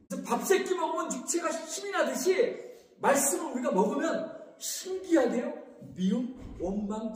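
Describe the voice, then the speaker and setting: A male pastor preaching an animated sermon, asking the congregation questions and answering them himself. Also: very high voice. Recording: echoey hall from far off.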